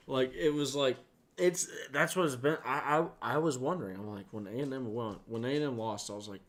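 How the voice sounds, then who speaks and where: A man hosting a casual livestream, rambling and excitable, thanking viewers as he talks. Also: medium pitch. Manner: rambling and excitable, with laughs and restarts. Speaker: livestream host.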